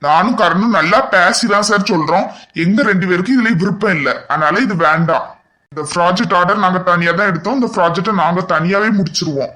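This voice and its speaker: A blunt young cartoon boss. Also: male voice, high-pitched, brisk, pushed and bright. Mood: firm. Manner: firm, scolding. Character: young male company boss, blunt and protective. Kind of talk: cartoon voice acting.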